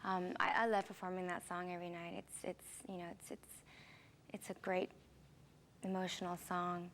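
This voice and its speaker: Friendly, chatty actress in an interview. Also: female voice, lowish voice, level tone, normal speed, fairly bright tone, slight background noise. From Philippines, raised in Seattle. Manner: friendly, chatty, with frequent fillers and repeated starts. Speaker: musical theater actress, interview guest. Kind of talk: casual interview answers.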